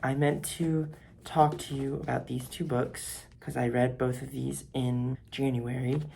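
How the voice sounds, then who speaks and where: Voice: mid-range voice, flat delivery, unhurried, vocal fry, dark tone, slight background noise. A person in their twenties, a college student vlogging casually while walking around outdoors, rambling and laughing often. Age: 20s. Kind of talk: casual vlog chat.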